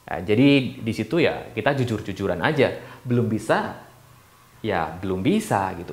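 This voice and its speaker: Chatty yoga teacher in an echoey room. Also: male voice, medium pitch. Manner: chatty, frequent fillers and restarts, self-deprecating asides. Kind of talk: casual explanatory talk.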